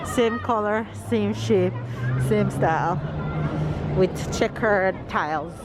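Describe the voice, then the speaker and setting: A woman's voice: medium pitch, slow. A woman narrating a casual family vlog, chatting informally to viewers, recorded outdoors on a handheld camera. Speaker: family vlogger. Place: outdoors in busy public tourist spots. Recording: noisy outdoor street, loud crowd and traffic. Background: loud crowd chatter and vehicle noise.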